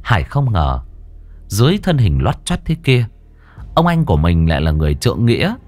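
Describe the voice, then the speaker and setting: A man's voice: lowish voice, wildly swooping pitch, a little fast. A man narrating a ghost story in a vivid, colloquial storytelling manner. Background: soft music.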